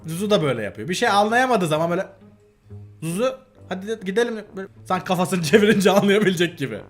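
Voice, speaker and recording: A man's voice: high-pitched, animated, racing, soft background music. A young man casually reacting to animal videos for his channel, giggling often and gushing over how cute they are.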